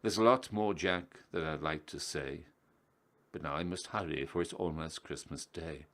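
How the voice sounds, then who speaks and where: A man playing a kindly, gently admonishing old Santa Claus in a storybook, with a measured, paternal manner. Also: rumbling low.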